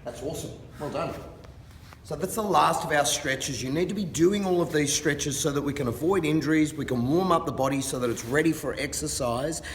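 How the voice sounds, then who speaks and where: Male fitness coach, careful and unhurried, encouraging instructional delivery, recorded from a distance in a noisy, reverberant hall. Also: fairly high pitch. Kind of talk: instructional exercise demonstration with coaching cues. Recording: distant mic, reverberant hall, background noise.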